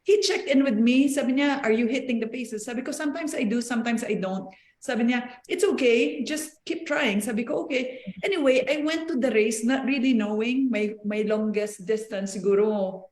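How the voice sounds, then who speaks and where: A middle-aged woman with a Filipino accent, an interview guest telling her story in a lively, casual way, mixing languages mid-sentence. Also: on the high side, normal speed, hardly any pauses. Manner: animated, switches between Tagalog and English mid-sentence. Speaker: interview guest, marathon runner. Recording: echoey room.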